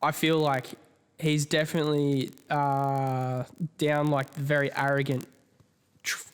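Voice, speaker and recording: A man's voice: medium pitch, level tone, measured pace, clear, resonant tone. A man chatting casually and in laid-back slang as a podcast guest. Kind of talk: casual chat. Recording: echoey room with long reverb.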